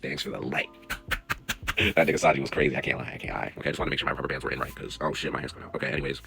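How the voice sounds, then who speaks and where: A man's voice: a bass voice, fairly even intonation, very fast, creaky, sharp tone, faint music behind. A young man rambling casually in slang about an anime, talking into a phone he holds, with the clip sped up to double speed. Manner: slangy, rambling, self-interrupting. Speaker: anime commentary vlogger. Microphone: phone held in hand.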